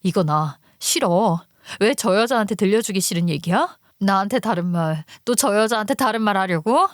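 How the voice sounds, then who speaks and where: A woman's voice: medium pitch, lively intonation, normal speed, dry recording, clean studio sound, close to an everyday voice. A woman voicing a suspicious, furious wife who demands answers from her husband. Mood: shocked. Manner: sharp, demanding, agitated.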